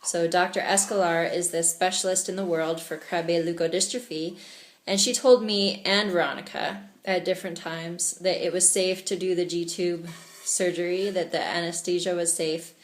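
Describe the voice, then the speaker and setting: A woman's voice: fairly low pitch, steady tone, normal speed. A woman from Canada talking through a casual video diary in an earnest, chatty way. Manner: earnest, chatty, laughs often. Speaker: vlogger. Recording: echoey room.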